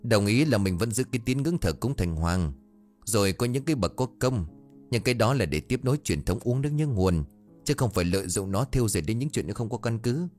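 Stern older village boss played by a male narrator, low, lecturing, skeptical, for an audio ghost story. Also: lively intonation, brisk, a little mellow, faint music behind, lightly acted. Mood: scolding. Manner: scolding, lecturing. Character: stern skeptical older village official, hard-drinking host.

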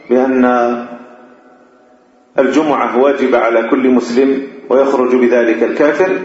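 Male sheikh, lecture, slow deliberate delivery, heavy room echo. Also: medium pitch. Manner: deliberate, drawn-out phrasing with long pauses. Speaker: sheikh teaching a hadith commentary. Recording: echoey dull lo-fi room recording.

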